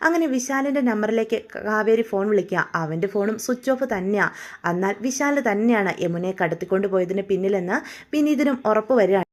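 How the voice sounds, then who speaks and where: A woman's voice: mid-range voice, lively intonation, a little fast. A woman retelling a dramatic family story casually, with chatty asides to her listeners.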